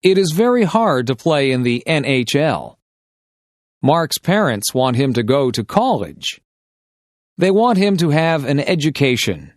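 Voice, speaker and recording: A man reading short, simple sentences as dictation for English learners, enunciating each one carefully and deliberately. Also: fairly high pitch, big pitch swings, no echo, clean studio sound.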